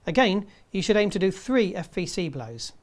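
A man in his fifties presenting a scripted tutorial in a measured, step-by-step way. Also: high-pitched, sing-song. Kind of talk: scripted instructional narration.

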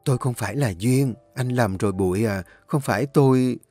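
A man voicing a frightened young wife who speaks in a hushed, timid way. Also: mid-range voice, brisk, no room sound, faint music behind, close to an everyday voice.

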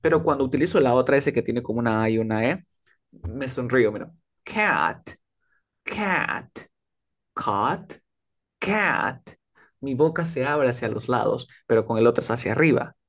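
Male tutor, video-call lesson, patient, drills each word slowly and repeats it. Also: mid-range voice. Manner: patient, repeats words slowly to model pronunciation. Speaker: English tutor. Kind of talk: one-on-one online English lesson.

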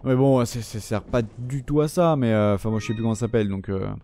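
A man's voice: mid-range voice, fast, mellow, slight background noise. Chatty man swearing through gameplay commentary. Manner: chatty, swears often, talks to the enemies on screen. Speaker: gaming channel host.

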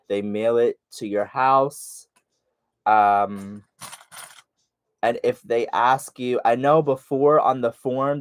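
Guy sewing on camera, stuffy nose, easygoing slow chatter. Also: mid-range voice, no echo. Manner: chatty, talks to viewers by name while working. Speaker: sewing vlogger. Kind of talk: casual sew-along chat.

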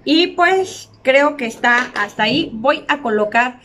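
A woman's voice: high-pitched, animated, a little slow, a bit bright, slight background noise. A young woman, chatting through a makeup tutorial and gushing over the colors to her viewers. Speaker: beauty vlogger.

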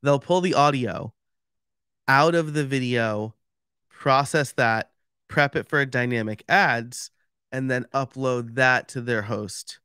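A man's voice: medium pitch, takes it slowly, bright, forceful tone, smooth, no room sound, studio quality. A man with a New York accent giving a casual, chatty livestream talk and explaining step by step with many fillers. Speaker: podcast expert giving a live stream talk.

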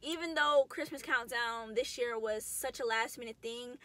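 A woman's voice: on the high side, normal speed, sharp tone. A woman in her mid twenties talking casually to camera in a vlog, chatty, slangy and emotional. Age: 20s. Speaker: vlogger. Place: in a car.

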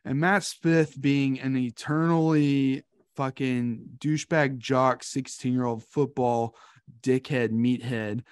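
A man in his twenties hosting a podcast, telling stories in casual chat with lots of swearing and animated delivery. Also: mid-range voice, takes it slowly, clean tone, dry recording. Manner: profane, animated storytelling. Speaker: podcast host.

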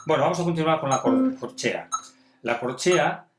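A man's voice: a little high, moderate pace. Guy teaching rhythm at home, chants ta ta taca, roomy sound, a bit of guitar in the back. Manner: chants rhythm syllables in time. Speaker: music teacher. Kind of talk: homemade video masterclass.

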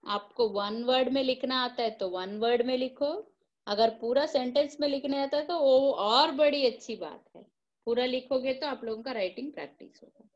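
Indian woman teacher on a video call, high voice, slow patient dictation, dull lo-fi audio. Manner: coaxing, slow dictation mixing Hindi and English. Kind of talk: online class for young children.

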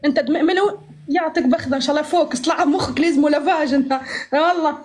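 A woman in her 20s hosts a live stream on a phone held at arm's length, talking very fast in a high voice with a darkish tone. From a small indoor room, she chats with guests and teases them in a playful, mock-pious manner.

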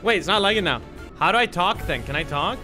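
A man's voice: high voice, expressive, fast, sharp tone, faint music behind. A man from Sweden in his late twenties, playfully trolling other players while streaming from home. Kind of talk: casual streaming chat.

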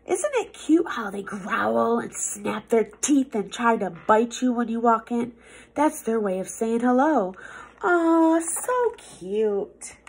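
In a small office room indoors, a young woman performs a children's picture book like a teacher would, stretching words for effect and dropping into hushed asides. Her slightly high voice is breathy at the edges, and the audio quality is poor. The delivery is theatrical, expressive and playful.

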